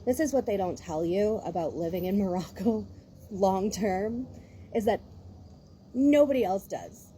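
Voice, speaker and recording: A woman's voice: medium pitch, unhurried, mellow, slight background noise. A woman vlogger in a casual rant, talking in a rambling, exasperated way with many restarts.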